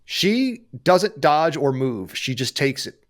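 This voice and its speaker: A man working as game master, improvising narration for a tabletop game in an animated, conversational way. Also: a little high, takes it slowly.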